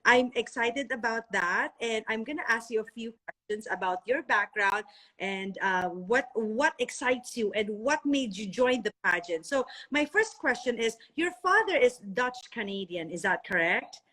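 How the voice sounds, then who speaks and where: A woman's voice: a little high, lively intonation, normal speed, fairly bright tone. Gushing woman interviewer on a video call. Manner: gushing, effusive, stumbles over words. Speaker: interviewer, skincare sponsor. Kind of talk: casual live-stream interview. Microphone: phone or laptop video call.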